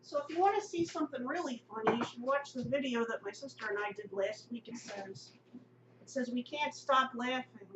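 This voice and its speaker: A woman's voice: fairly high pitch, brisk. Chatty woman vlogger, muffled audio. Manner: rambling, self-deprecating, laughs often. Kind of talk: casual chat to camera. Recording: dull lo-fi audio with faint hum.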